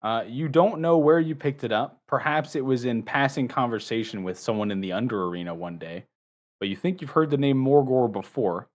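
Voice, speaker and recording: A man's voice: mid-range voice, lively intonation, fairly quick. Man narrating as game master. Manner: descriptive, with frequent uh fillers.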